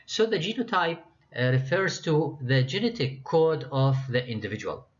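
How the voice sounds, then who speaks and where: A man lecturing university students, reading his slides with frequent hesitations and restarts. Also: medium pitch. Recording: dull lo-fi lecture recording.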